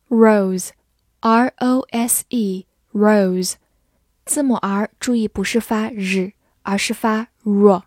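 Slow, dry-voiced woman teaching English words. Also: medium pitch, darkish tone, dry recording. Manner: spells words letter by letter and reads examples slowly. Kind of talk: scripted vocabulary lesson.

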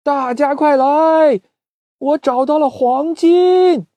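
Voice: mid-range voice, animated, slow, mellow, dry recording, muffled recording. A storyteller voicing an eager young boy chick in a children's story. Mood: shouting. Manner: eager, earnest.

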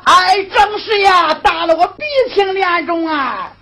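A woman's voice: very high voice, measured pace, pushed and bright, heavily acted. A woman voicing an old male court official who wails and sobs his complaint in a traditional storytelling performance. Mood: wailing. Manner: wailing, sobbing pleas.

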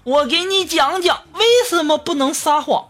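A man voicing a stern, preachy mother who scolds her child in a high, put-on voice. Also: moderate pace, background noise, lightly acted. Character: stern lecturing mother, strict and quick to slap.

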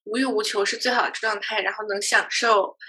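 A woman's voice: medium pitch, steady tone, brisk, pushed and bright, slightly rough, rough recording. A woman co-hosting a podcast, speaking thoughtfully in casual chat and steering the conversation. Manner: thoughtful, hands over questions. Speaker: podcast co-host.

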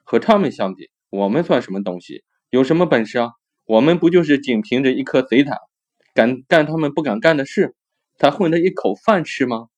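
A man's voice: mid-range voice, animated, fairly quick, a little mellow, close to an everyday voice. A man doing a scolding old robber master. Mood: lecturing. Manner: lecturing earnestly. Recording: dull lo-fi recording.

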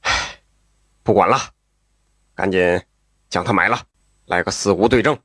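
A man voicing a ruthless, scheming male villain who gives low, curt, menacing orders. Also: normal speed, fairly bright tone, no room sound, studio quality.

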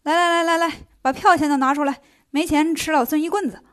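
A woman voicing a hot-tempered male monkey king who talks loudly and impatiently. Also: high-pitched, steady tone, quick pace, pitched above the performer's own voice. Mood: mocking. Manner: loud, impatient, cheeky shouting.

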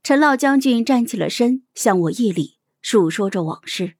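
A woman narrating an audiobook as its host. Her voice sits slightly high and swoops with lively expression. The sound is close and dry. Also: normal speed, dry recording. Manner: animated, storytelling.

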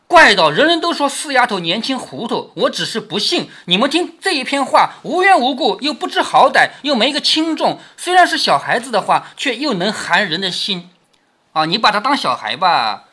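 An exasperated, reproachful married noblewoman, read by a man in a storybook. The voice is bright and a little husky, with a lively pitch that swings up and down. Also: moderate pace, heavily acted.

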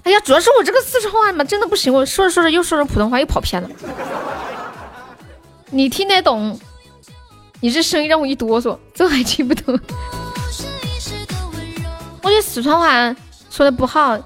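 A woman's voice: high-pitched, animated, a little fast, long pauses, fairly bright tone, soft background music. A playful young woman from Sichuan chatting on a livestream while gaming, giggling and letting out yelps and shrieks. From Sichuan, China.

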